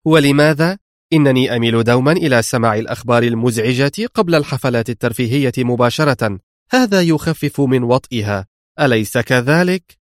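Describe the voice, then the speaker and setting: A man voicing a proud, sharp-tongued woman who heads a crime family, speaking sternly and mockingly in an audiobook reading. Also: on the low side, a little fast, no echo, studio quality, natural voice.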